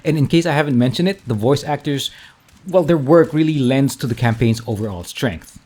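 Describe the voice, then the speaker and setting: A man's voice: medium pitch, a little fast, a little mellow. Male game reviewer, mid-range voice, casual conversational voice-over with self-corrections.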